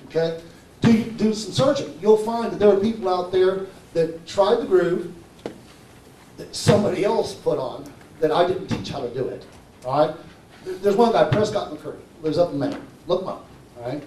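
A man giving an animated conference talk who keeps checking in with "okay?" and "right?" as he presents his engine modification. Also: high voice, moderate pace, a little hiss or hum. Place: conference hall. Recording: echoey hall, mic far off.

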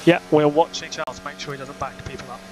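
A man's voice: a little high, fairly even intonation, quick pace, a little mellow, faint music behind. A man giving clipped race engineer instructions over a race car radio, repeating key calls. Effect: race car team radio. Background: car engine noise.

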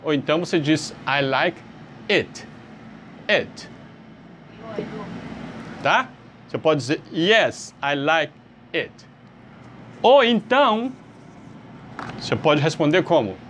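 Lively Brazilian man teaching English. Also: on the high side, slow pace, pauses often, slight background noise. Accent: Brazilian Portuguese. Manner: lively, asks rhetorical questions, frequent "tá?" check-ins. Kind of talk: online English lesson.

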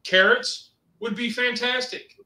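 High, bright man talking over a landline phone. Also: fairly even intonation, unhurried, roomy sound, low-quality recording. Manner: rambling, chatty, easygoing. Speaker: co-host of a live cooking stream. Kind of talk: casual live-stream chat.

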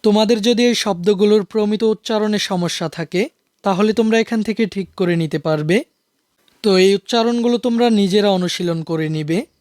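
A man explains a school lesson to students in a calm, steady way. His voice sits high and comes through smooth and clear. The sound is dry and close to the mic. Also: normal speed, dry recording. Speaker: teacher.

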